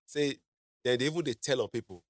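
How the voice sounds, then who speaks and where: A man's voice: medium pitch, fairly quick, dry recording. A man with a Nigerian accent hosting a casual podcast chat in a studio, explaining his points step by step and checking in with "right?". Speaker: podcast host.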